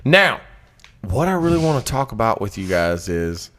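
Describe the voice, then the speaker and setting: Male podcast host, forceful bright tone, loose crude banter, getting drunk. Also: lowish voice, big pitch swings, normal speed, a little hiss or hum. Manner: rambling, crude joking. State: drinking beer, getting drunk. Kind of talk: casual, profane podcast banter.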